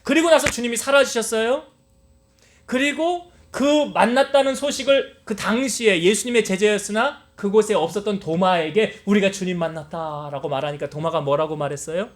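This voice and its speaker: A man's voice: sits high, moderate pace. A man preaching a sermon as pastor to his church congregation, often asking them questions and then answering them himself. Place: church sanctuary.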